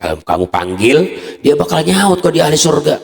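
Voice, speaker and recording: A preacher voicing a wise old male sheikh who gives calm, step-by-step instructions, in an echoey mosque hall. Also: on the high side, fairly quick, gravelly, voice pushed up. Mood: instructing.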